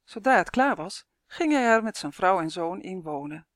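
A woman reading her own children's fairy tale aloud, with clear, lively storytelling and voiced characters. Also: mid-range voice, moderate pace, no echo, studio quality.

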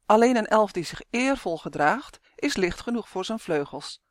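A woman's voice: medium pitch, expressive, normal speed, no room sound, lightly acted. A tall, wise male elf from a storybook, voiced by a woman reading aloud. He speaks firmly and will not give way. The sound is dry and close. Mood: calm. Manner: firm, unyielding.

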